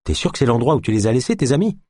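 A man voicing a gruff suspicious guard. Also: mid-range voice, big pitch swings, rapid-fire, a little mellow, no room sound, studio quality, pitched above the performer's own voice. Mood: gruff, wary. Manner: grumbling, blunt and streetwise. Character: suspicious gruff male guard, crude and blunt.

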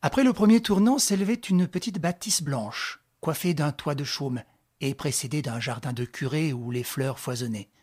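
A reader narrating a classic novel as an audiobook, in even, measured storytelling. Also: medium pitch, slightly rough.

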